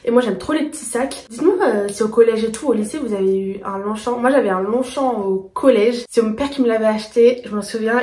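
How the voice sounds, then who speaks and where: A young woman speaks in a bright, somewhat high voice, chatting eagerly and casually to her audience as a vlogger. She talks straight to her viewers with easy enthusiasm. The room around her has a noticeable echo. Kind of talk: casual haul chat to camera. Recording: echoey room.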